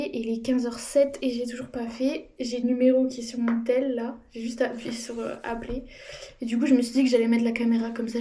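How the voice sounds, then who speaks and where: A woman's voice: fairly high pitch, dark tone. A woman chatting informally to her viewers in a casual, self-deprecating vlog style. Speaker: small business vlogger.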